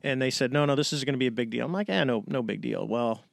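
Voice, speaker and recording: A middle-aged American man tells his story in a relaxed interview, slipping into the voices of the people he quotes. His voice sits at an ordinary pitch for a man. The recording is close and dry, with no room sound. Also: fast, creaky, dry recording. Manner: animated storyteller, acts out quoted dialogue. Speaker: interview guest, retired navy fighter pilot.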